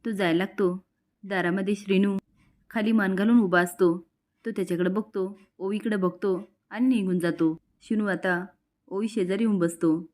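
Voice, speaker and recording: A woman narrates a television serial recap in a steady storytelling manner. Her voice sits at an ordinary middle pitch for a woman. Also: moderate pace, pauses often.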